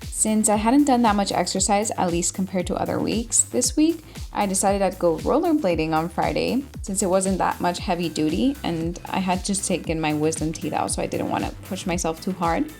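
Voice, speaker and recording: A woman's voice: on the low side, moderate pace, vocal fry, hardly any pauses, darkish tone, faint music behind. Chatty young woman vlogging. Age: young adult. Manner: chatty, self-deprecating, informal. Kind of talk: casual vlog narration and chat.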